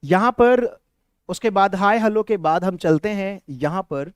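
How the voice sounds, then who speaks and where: A man teaching an English-speaking lesson to a class, animated and drilling words by repetition. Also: high-pitched, measured pace, clear, resonant tone, no room sound.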